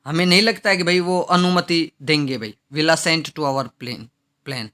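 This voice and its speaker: A man with an Indian English accent teaches English vocabulary in a bright, slightly high voice. He spells words out letter by letter and reads example sentences very slowly. He keeps asking the class questions and then answers them himself. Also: fairly even intonation. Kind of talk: classroom lesson explaining vocabulary.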